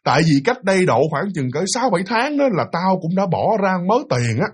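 A man voicing a worried, grieving widower who talks low and weary, stumbling over his words. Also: very animated, brisk, slightly rough, full character voice. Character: worried grieving middle-aged widower landlord.

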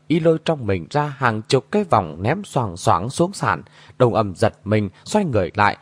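A man tells a martial-arts tale with dramatic, animated delivery. His mid-pitched voice rises and falls widely, recorded close and dry. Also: no echo. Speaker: narrator. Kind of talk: scripted martial-arts story narration.

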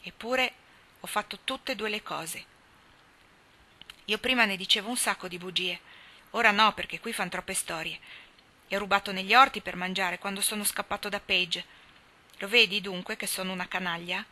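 A woman reading the part of a rough, blunt, protective boy. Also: mid-range voice, moderate pace, long pauses, bright, forceful tone. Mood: gruff. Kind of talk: audiobook character reading.

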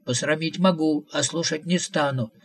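A man's voice: a little high, steady tone, normal speed, vocal fry. A man doing a smug, mocking prophet. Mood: dismissive. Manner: mocking, dismissive. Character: smug, mocking male prophet, stubborn and dismissive.

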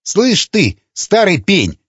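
Guy doing a brash young survivor dude, higher and defiant, lo-fi audio. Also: expressive, moderate pace, a little mellow, husky, no echo. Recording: dull lo-fi dry recording.

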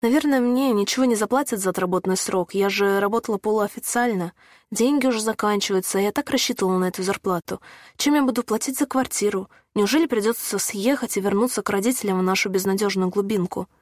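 A woman's voice: mid-range voice, fast talker, no echo, clean studio sound, close to an everyday voice. A woman voicing an anxious young woman who worries and pleads in a storybook reading. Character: young woman gripped by a panic attack.

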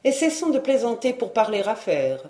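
A woman's voice: fairly high pitch, big pitch swings, moderate pace, mellow. A sly, fawning little dealer in old clothes, as a woman narrator puts him on. He talks with oily merchant courtesy. The reading has a roomy echo. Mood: brisk. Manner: wheedling, waddling merchant.

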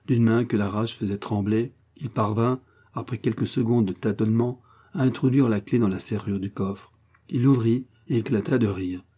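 Low, husky male audiobook narrator. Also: steady tone, moderate pace, warm tone. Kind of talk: scripted narration of an adventure novel.

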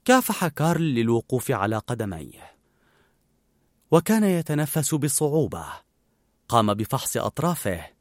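A man narrating a storybook in an expressive, animated reading. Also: mid-range voice, dry recording, clean studio sound.

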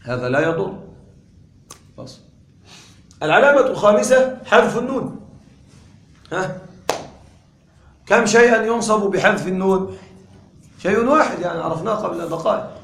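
A man teaching a grammar class, quizzing his students with frequent questions and repeating key points deliberately. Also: sits high, lively intonation, gravelly, fairly bright tone, echoey room, a little hiss or hum. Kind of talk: classroom lecture.

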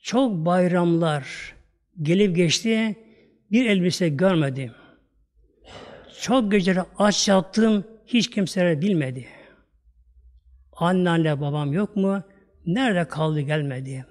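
A man's voice: high-pitched, slow, pauses often, darkish tone. A man voicing a young fatherless boy who plaintively asks about his father and recites a mournful poem. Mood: sorrowful.

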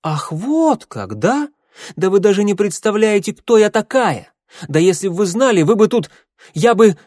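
A man's voice: big pitch swings, moderate pace, a little mellow, no echo, studio quality. Man voicing a fiery stubborn peasant girl. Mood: furious. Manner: indignant, shrill, retorting. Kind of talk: audiobook character voice.

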